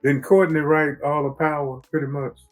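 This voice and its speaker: A man with a slightly high voice talks at normal speed in a level tone, with faint music behind him. He's a co-host on a TV discussion show, casually and easily chatting about a drama and often beginning his sentences again.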